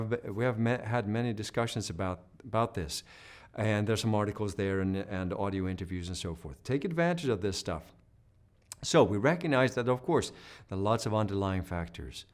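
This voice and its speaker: With a fairly low pitch and lively intonation, a singing teacher delivers an online lesson at normal speed. He explains patiently, checking in with "right?", and demonstrates hoarse and humming sounds as he goes.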